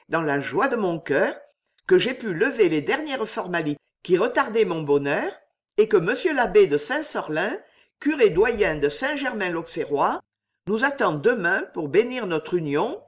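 A reader voicing a smug, quietly menacing gentleman suitor who speaks with mock courtesy and emphasis. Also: mid-range voice. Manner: smooth, mockingly gallant, emphatic.

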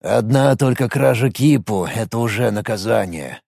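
A man's voice: on the high side, very animated, creaky, darkish tone, husky, dry recording, clean studio sound, voice pushed up, full character voice. A man reading an audiobook, voicing a serious, wary man who weighs his words. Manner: measured, serious.

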